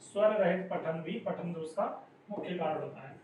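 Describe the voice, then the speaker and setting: A man's voice: a little high, moderate pace, a little mellow. A man teaching an exam-prep lesson, explaining step by step and often calling his listeners friends. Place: classroom. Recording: echoey room, distant mic, faint noise.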